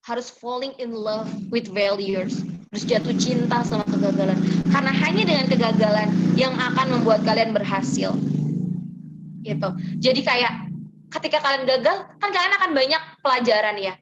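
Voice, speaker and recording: A young woman with a slightly high voice talks gently and reassuringly, like a motivational speaker answering listeners' questions. She slips English phrases into her talk and keeps a soft, encouraging tone. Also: normal speed, muffled recording, heavy background noise. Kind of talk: motivational sharing session.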